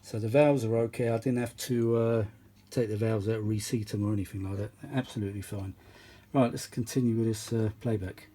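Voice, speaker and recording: Speaking fairly quickly with fairly even intonation, a British repair vlogger who fixes vintage audio gear rambles casually through a demonstration and often exclaims. His voice is fairly low and dark. Background noise is clearly audible in this noisy recording.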